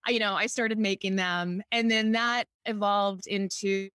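A middle-aged woman from Honolulu, an author and entrepreneur, guests on a podcast, casually telling stories with chatty enthusiasm and lots of laughter. Her medium-pitched voice is clear, resonant, and fairly bright, with fairly even intonation and an unhurried pace. The recording is studio quality with no echo.

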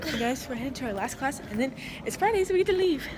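A teenage girl vlogging her school day, chatting brightly to her phone camera with lots of giggles. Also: sits high, animated, fast. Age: teens. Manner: bubbly, giggly narration to the camera. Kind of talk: casual daily vlog. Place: busy school hallways and classrooms. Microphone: phone held at arm's length. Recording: phone audio with loud crowd and music. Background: loud chatter of students and music.

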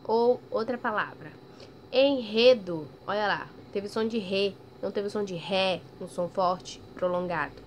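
A woman teaching a primary school class in a recorded lesson, speaking patiently, drawing out example words loudly and checking in often. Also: mid-range voice, normal speed, few pauses, a little hiss or hum. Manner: ends phrases with "tá bem?" checks. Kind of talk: recorded remote lesson for children.

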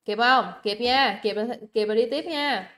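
A woman's voice: a little high, a little slow, fairly bright tone. A young woman teacher with a Vietnamese accent, leading a livestream English exam review in a chatty, coaxing way, repeating words and checking that students keep up.

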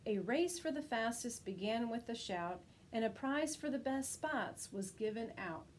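A woman's voice: fairly high pitch, a little slow, slight background noise, rough recording. A woman teacher reading a rhyming children's picture book aloud, lifting her voice for the characters. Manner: expressive rhyming storytelling, lifts her voice for quoted characters.

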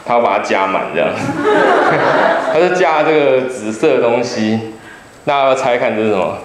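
A man's voice: medium pitch, animated, a little fast. A man in his thirties from Taiwan with a Taiwanese Mandarin accent, giving a chatty, joking talk to an audience. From Kaohsiung, Taiwan. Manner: chatty storytelling, jokes with the audience. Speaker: public lecturer, travel writer. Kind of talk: humorous public talk with slides. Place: lecture hall. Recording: roomy hall with faint background noise.

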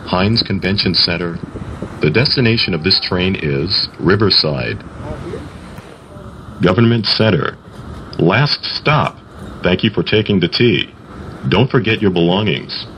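A man giving recorded train and station announcements in a measured, formal way. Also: lively intonation. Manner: measured, formal, evenly spaced phrases. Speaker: transit announcer. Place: on subway trains and platforms. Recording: announcements captured over rumbling train noise.

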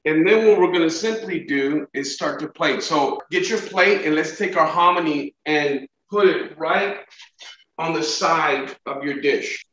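The speaker is a middle-aged chef teaching a student through a cooking demo on a video call. His fairly high, slightly bright voice is unhurried, and he keeps encouraging with "okay?" and "right?" checks. The lo-fi recording is reverberant, with slight background noise.

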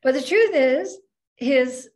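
Woman, minister, storytelling, animated, acts out voices. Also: high voice, takes it slowly. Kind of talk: storytelling in an open forum.

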